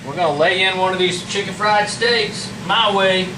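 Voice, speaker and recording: A high-voiced man walks through a recipe in a casual, folksy way. He sounds set back from the mic in a roomy kitchen, with a fan running noisily behind him. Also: normal speed. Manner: folksy, plain-spoken. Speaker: home cook presenting a recipe. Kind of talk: casual cooking demonstration. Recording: roomy, noisy fan hum, distant mic. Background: fan noise.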